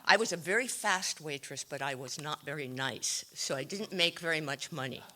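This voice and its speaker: Woman, candid recovery speaker, dry humor, bright tense voice. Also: low-pitched, normal speed. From California. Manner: wry, self-deprecating, frequent ums. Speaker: AA speaker sharing her story. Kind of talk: recovery share, candid storytelling.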